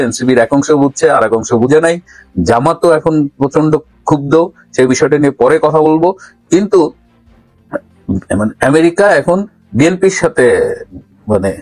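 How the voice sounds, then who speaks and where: A man's voice: medium pitch, a little mellow, no echo, low-quality recording. A man giving political news commentary, arguing point by point and posing pointed questions, with frequent hesitations.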